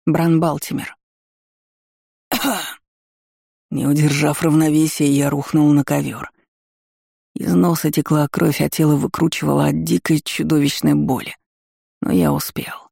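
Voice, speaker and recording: A man giving steady, scripted audiobook narration. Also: fairly high pitch, measured pace, gravelly, long pauses, no echo, studio quality.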